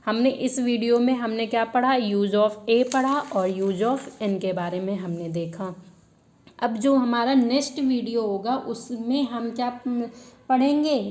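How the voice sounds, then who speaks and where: A woman's voice: a little high, a little mellow. A woman teaching an English grammar lesson, asking her students questions and answering them herself, and repeating the key words as a drill.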